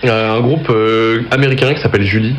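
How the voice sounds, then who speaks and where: Male musician guest, low voice, halting short answers. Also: fairly even intonation, over a noisy crowd. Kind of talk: casual chat.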